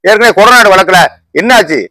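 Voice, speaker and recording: A man rants about politics at a quick clip. His voice sits high and bright, firing off rhetorical question after question. The sound is close and dry. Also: no echo, rough recording. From Tamil Nadu. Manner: combative, rapid rhetorical questions. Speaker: political YouTuber. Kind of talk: heated political rant to camera.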